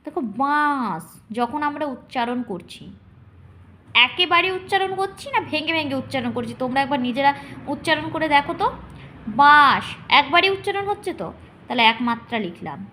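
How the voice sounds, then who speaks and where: A woman teacher explaining poetic meter to students, speaking to them directly and drawing out syllables slowly to demonstrate. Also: high voice, lively intonation, pushed and bright, slight background noise. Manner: addresses students directly, checking understanding.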